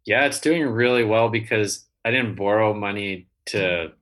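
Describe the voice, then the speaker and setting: A male guest with a deep, bright-toned voice in a casual interview. He speaks in stop-start phrases, restarting and trailing off as he thinks aloud. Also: measured pace. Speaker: guest, builder and rental owner.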